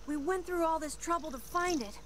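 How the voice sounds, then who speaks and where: A woman's voice: very high voice, fairly quick, fairly bright tone, a little hiss or hum. A woman voicing an earnest young character in a video game. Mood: dismayed.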